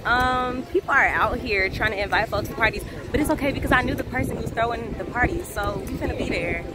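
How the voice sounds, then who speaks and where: Higher-voiced young American woman vlogging outdoors. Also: fast, heavy background noise. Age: 20s. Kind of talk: casual chat to camera. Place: outdoors at a breezy beach. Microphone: handheld camera at arm's length.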